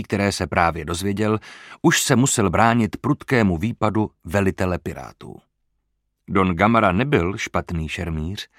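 A man narrating an adventure audiobook in a steady, dramatic reading style. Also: fairly low pitch, no echo, studio quality. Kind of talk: scripted narration.

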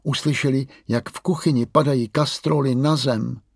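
Husky man reading a storybook. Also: medium pitch, dry recording, clean studio sound. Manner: expressive, lively storytelling. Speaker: narrator.

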